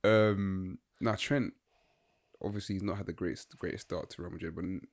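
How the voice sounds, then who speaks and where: Talking football with his co-host, this podcaster in his twenties keeps things loose and easygoing at a moderate pace. His voice sits slightly low, and his rambling opinions are heavy with "like" and "um" as he works through his thoughts.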